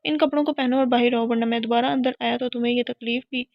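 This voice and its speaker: A woman's voice: on the high side, fairly even intonation, creaky, dry recording. A woman voicing a domineering, short-tempered young man who barks threats in a harsh, commanding way. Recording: dull lo-fi sound.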